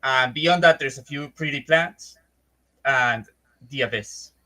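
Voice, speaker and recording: A man's voice: medium pitch, takes it slowly, sharp tone. A man with a wry, amused way of talking, casually game-mastering a tabletop fantasy game.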